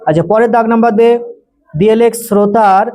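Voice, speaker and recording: High-voiced man dictating a grammar lesson. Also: dark tone, poor audio. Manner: dictates slowly, repeating phrases, quizzing students. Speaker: tutor.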